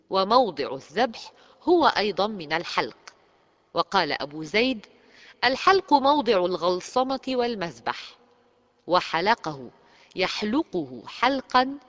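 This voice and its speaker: A teacher reads dictionary entries aloud in a careful, precise way. The pitch swings widely from phrase to phrase. A long reverb trails behind every word. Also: fairly bright tone. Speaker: Arabic language teacher. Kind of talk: scripted lexicon lesson.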